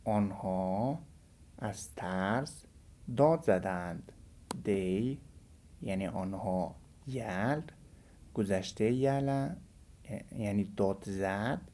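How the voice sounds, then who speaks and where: Persian-accented man teaching, dark low voice. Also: a little hiss or hum. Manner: repeats English phrases slowly, then translates. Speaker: English teacher. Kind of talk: language lesson.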